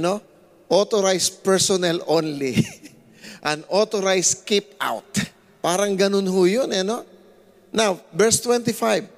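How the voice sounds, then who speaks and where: A man with a Filipino accent preaching a sermon as pastor, swinging between hushed asides and raised, animated exclamations. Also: high-pitched. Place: church hall. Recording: long church-hall reverb.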